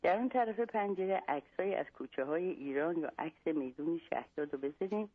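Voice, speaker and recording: A woman's voice: on the low side, no room sound. A woman reading a long-winded doctor over the phone. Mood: instructive. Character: Iranian male psychologist, confident and long-winded. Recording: tinny phone line.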